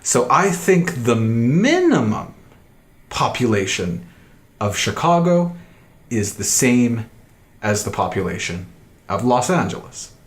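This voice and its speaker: A man in his thirties teaching an English grammar lesson, slow and deliberate, repeating key phrases for emphasis. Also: medium pitch, big pitch swings.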